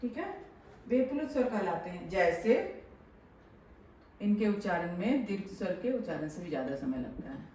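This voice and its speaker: A woman teaching a grammar lesson to children, patient and repeating phrases slowly, often checking whether they understood. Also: on the low side, expressive, mellow, heavy reverb, far from the mic, a little hiss or hum, low-quality recording. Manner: asks pupils if they understood.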